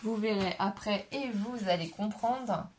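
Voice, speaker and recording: A woman vlogger gushes over her scrapbooking haul, repeatedly calling things "trop mignon." Her medium-pitched voice moves at a measured pace but sounds worn, and she clears her throat; there's a little hiss or hum in the recording.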